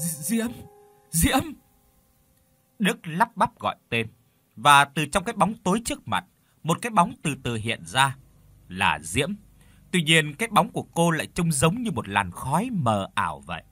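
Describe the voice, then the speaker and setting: A man narrating a dramatic horror story with expressive storytelling. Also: mid-range voice, breathy edge. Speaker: audiobook narrator.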